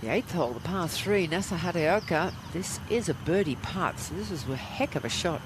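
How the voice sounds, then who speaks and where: Male golf commentator, slightly high voice. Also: expressive, normal speed. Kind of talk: live golf commentary and analysis. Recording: outdoor broadcast with clear background noise.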